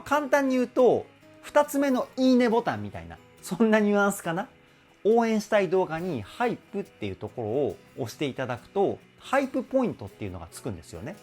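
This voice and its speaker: A man working as a vocal coach, giving casual commentary on a song and explaining singing technique with enthusiastic admiration. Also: high voice. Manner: speaks with soft drawn-out "uun" sounds while listening.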